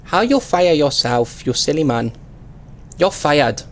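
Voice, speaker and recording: A man's voice: sits high, lively intonation, fairly quick, pitched above the performer's own voice. A man voicing a hapless delivery driver who speaks in clipped broken English, in-character game roleplay over voice chat. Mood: sheepish. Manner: clipped broken-English phrases, dropped words.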